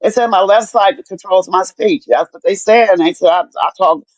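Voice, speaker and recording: A middle-aged woman telling her story in casual chat, animated and profane, acting out what people said to her. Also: mid-range voice, normal speed, dry recording. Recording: dull lo-fi dry sound.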